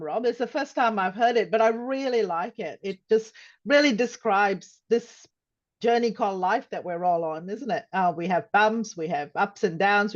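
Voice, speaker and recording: An older woman co-presenting a webinar over a video call, speaking carefully and warmly with frequent ums. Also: medium pitch, highs cut off. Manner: warm, careful, frequent um fillers.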